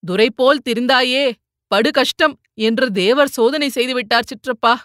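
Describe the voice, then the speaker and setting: A woman's voice: high voice, a little slow, a bit bright, dry recording, studio quality, voice pushed up. A woman voicing a remorseful young man who pleads tearfully for forgiveness, in an audiobook reading.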